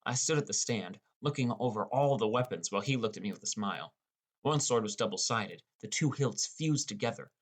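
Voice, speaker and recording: In an audiobook, a man voices a wry, inexperienced teenage boy narrating his own game adventure in the first person, complete with character dialogue. His voice is on the low side, animated, and fairly quick.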